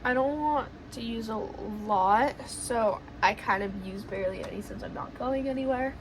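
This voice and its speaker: A woman vlogger casually telling a long story while doing her makeup at home, rambling and excitable. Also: fairly high pitch, moderate pace, a little hiss or hum, rough recording.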